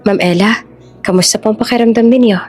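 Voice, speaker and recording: Female narrator playing a young nurse, high and pushy, encouraging, audio storybook. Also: brisk, a little mellow, slightly rough, soft background music. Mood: kind. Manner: high urgent coaching voice.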